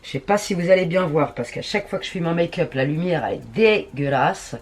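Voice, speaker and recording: A woman's voice: fairly low pitch, lively intonation, brisk. A woman chatting casually at home while testing makeup, full of crude slang and self-mocking jokes. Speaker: beauty vlogger. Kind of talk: casual makeup tutorial chat.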